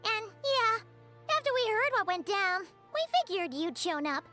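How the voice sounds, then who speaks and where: A woman's voice: very high-pitched, big pitch swings, normal speed, pushed and bright, soft background music, heavily acted. A woman voicing a small, blunt, chirpy floating girl companion in a game, talking casually and teasing. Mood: chatty. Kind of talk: game voice acting.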